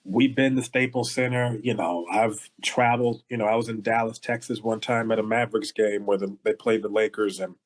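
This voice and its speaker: A man's voice: fairly low pitch, steady tone, a little fast, few pauses, rough recording. A man from the Los Angeles area co-hosting a podcast, speaking in a heartfelt and thoughtful way. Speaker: podcast co-host. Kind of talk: casual podcast conversation.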